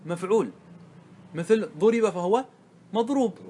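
High-pitched male teacher leading a classroom grammar lesson, patient step-by-step explanations, stretches out key words. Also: animated, moderate pace, mellow, a little hiss or hum. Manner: explains step by step, often checking understanding with the class.

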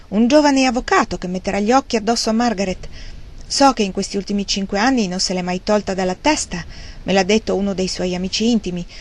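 A woman reading the lines of a wry, grieving old gentleman in an audiobook, with a rambling, self-mocking manner. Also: medium pitch, close to an everyday voice.

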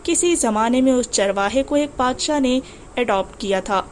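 A woman's voice: a little high, slight background noise, close to an everyday voice. A woman voicing a defiant, indignant young man in an audiobook, speaking firmly and heatedly. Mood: earnest.

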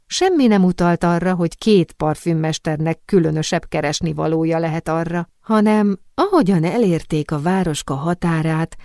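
A woman reads a historical novel aloud, steady and descriptive. Her voice is low, and the recording is dry and close with no room around it. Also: no echo. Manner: measured, descriptive storytelling. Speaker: audiobook narrator. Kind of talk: scripted narration.

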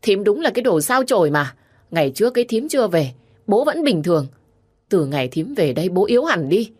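Woman doing a nasty sister-in-law, shrill and loud, accusing, storybook voice. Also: sing-song, brisk. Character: spiteful middle-aged sister-in-law, sharp-tongued.

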